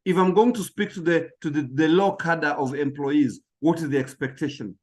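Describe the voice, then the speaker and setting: A man with a high voice delivers a motivational talk on public speaking. He speaks emphatically, hammering on key phrases and often tripping over small words as he pushes on. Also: normal speed, a little mellow.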